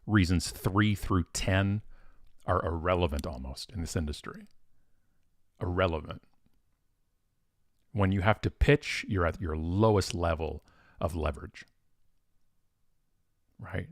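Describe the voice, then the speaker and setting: A man hosting a casual live-stream Q&A as a professional speaker. He talks in an animated, chatty way, with bursts of excitement and a lot of fillers and restarts. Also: deep voice, slow pace, long pauses, no echo, studio quality.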